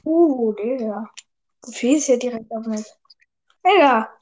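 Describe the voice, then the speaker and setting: Woman gamer, high voice, slangy and teasing, casual play-along chatter. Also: slow pace, a little mellow, highs cut off. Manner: slangy, teasing, laughs often. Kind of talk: casual gaming chat.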